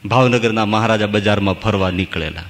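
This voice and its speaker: A monk delivers a devotional sermon in a fairly low, brisk, slightly bright voice, telling folk stories and reciting verses. He weaves in folk verses and acted asides, and the recording carries a long hall reverb.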